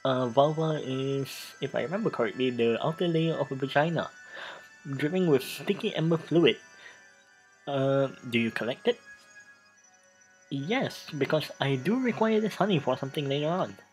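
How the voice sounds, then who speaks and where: Over background music, a let's play host gives a dramatic reading of game text with asides, often repeating and restarting phrases. The medium-pitched voice is animated, moderately paced and darkish in tone, on a low-quality recording.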